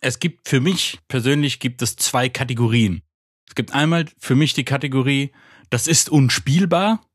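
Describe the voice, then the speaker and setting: A man's voice: medium pitch, moderate pace, breathy edge, dry recording, studio quality. A man from Frankfurt, a guest on a casual podcast, rambling enthusiastically and often interrupting himself. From Frankfurt, Germany.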